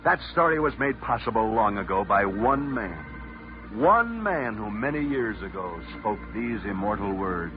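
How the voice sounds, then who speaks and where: A man as a sports broadcaster, telling stories in dramatic 1940s radio newsreel narration with theatrical pitch swings. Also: very animated, a little slow. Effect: old radio newsreel broadcast. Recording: muffled old radio recording with loud music.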